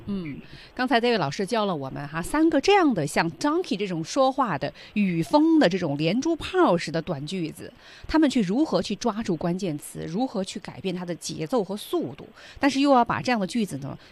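Lively woman co-host on a radio lesson. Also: medium pitch. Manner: attentive, backchannels and sums up.

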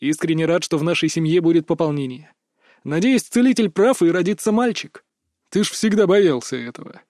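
A man's voice: a little high, fairly quick, darkish tone, dry recording, close to an everyday voice. A man doing a teasing, ironic father. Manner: dry, teasing. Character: ironic, affectionate middle-aged father.

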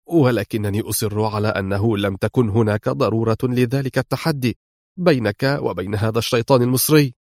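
A resentful captive pilot, tense and strained, his words coming out choked, as a male narrator reads him. The low voice is recorded dry and close. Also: fairly quick, darkish tone, no echo, lightly acted.

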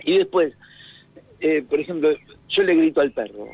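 This radio columnist, a middle-aged man with a Rioplatense Spanish accent, calls in by phone to a broadcast with faint music behind him. His voice sits on the high side, animated at a normal pace, creaky, husky and a little mellow, in a dry, rough recording. He chats casually, pausing thoughtfully to find words and occasionally humming rhythms.

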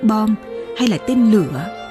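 A woman narrating a novel as an audiobook in a steady, measured storytelling manner. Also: medium pitch. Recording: dry close mic, faint music.

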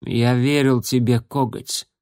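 A man's voice: mid-range voice, fairly even intonation, takes it slowly, gravelly, a little mellow. A man voicing a sulky striped male warrior cat with wounded pride and a resentful way of talking.

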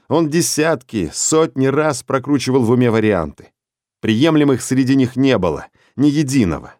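A man reading a dark story aloud in a steady, measured way. His voice sits in the middle range for a man. The recording is dry and close, with no room sound. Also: mid-range voice, dry recording. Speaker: narrator. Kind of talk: audiobook story narration.

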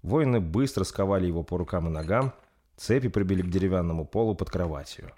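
Low-voiced male narrator for an audiobook, even and measured storytelling.

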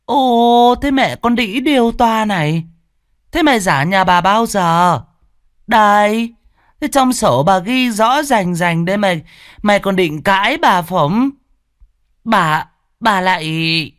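A man's voice: high-pitched, very animated, a bit bright, dry recording, studio quality, voice pushed up, exaggerated voice. Man doing a screeching cruel old landlady. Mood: shrill scolding. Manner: screeching, scolding, drawn-out fillers. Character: shrill cruel old landlady, greedy and abusive.

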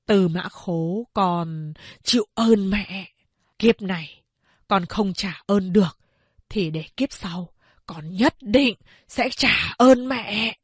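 A woman voicing a strong, stern man speaking in a grave, measured way. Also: mid-range voice, breathy edge, no echo, studio quality, heavily acted. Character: stern, strong man, grieving father and fugitive.

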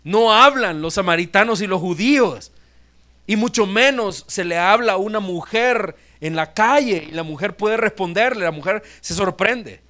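A man's voice: high-pitched, expressive, moderate pace, bright, forceful tone. A male pastor preaches a sermon. He drives his points home by repeating them and asking the congregation rhetorical questions. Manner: emphatic, repetitive, rhetorical questions.

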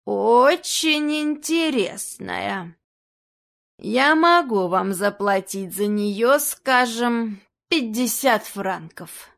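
A woman reading a story and voicing a hunched old male antique dealer with a creaky voice, drawn out and slow. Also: on the high side, lively intonation, fairly bright tone, exaggerated voice. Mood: sly.

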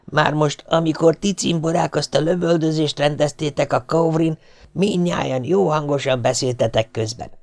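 A man voicing a boastful, scheming Swedish sailor who talks down to others and lies smoothly. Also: a little high, darkish tone, no room sound, pitched above the performer's own voice. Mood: lecturing. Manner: condescending, smoothly lying.

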